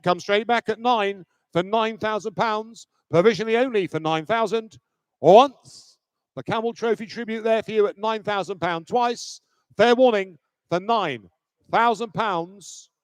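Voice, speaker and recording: High-pitched male auctioneer. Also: smooth, no echo. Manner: repetitive chanting of bids, firm and commanding. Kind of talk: live auction bid-calling with repeated numbers. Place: live auction sale room.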